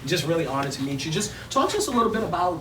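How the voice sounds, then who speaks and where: A man conducting a casual interview, warmly affirming with short replies. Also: fairly high pitch, sing-song, racing, a little hiss or hum. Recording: echoey room, distant mic.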